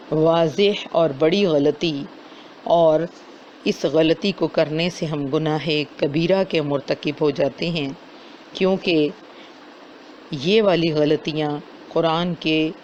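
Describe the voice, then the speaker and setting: A Quran recitation teacher with a slightly high, darkish voice gives an explanatory lesson on correct recitation, slowing down to sound out words as examples. The recording is dull and lo-fi, with faint noise.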